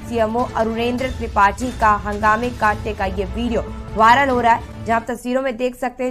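A young woman anchoring breaking news in a television bulletin, repeating her phrases as she presents. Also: a little high. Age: young adult. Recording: studio voice over news music.

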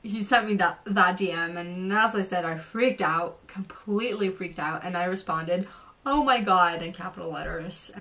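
A young woman from Norway telling an excited story to her camera, gushing and bubbly with many fillers. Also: on the low side, normal speed, hardly any pauses, far from the mic. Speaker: vlogger.

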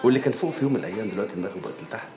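An actor playing a shrewd, persuasive street boss with an Egyptian accent in a TV drama. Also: male voice, on the low side, rapid-fire, natural voice. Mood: scheming. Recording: roomy with loud music.

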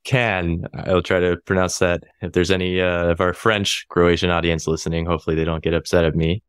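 A man's voice: low-pitched, a little fast, clean tone, dry recording. A man, hosting a podcast interview in a casual, chatty way from a small home studio. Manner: relaxed, chatty, laughs often. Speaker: podcast host. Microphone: studio mic on boom arm, headphones.

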